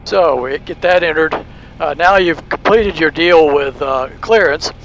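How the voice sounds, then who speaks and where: Steady engine drone fills the cockpit of a small plane as a private pilot and video host talks casually, explaining what he's doing between radio calls. He speaks a little slowly in a higher voice, and the highs are cut off.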